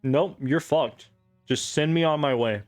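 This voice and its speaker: A man's voice: fairly high pitch, unhurried, darkish tone, faint music behind. A man giving casual, rambling gameplay commentary, sarcastic and full of swearing. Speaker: gamer.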